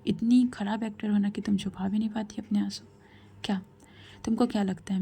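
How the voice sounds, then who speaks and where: A woman doing a soft-spoken loving young woman. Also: mid-range voice, creaky, breathy edge. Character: young woman, loving, gently reassuring partner.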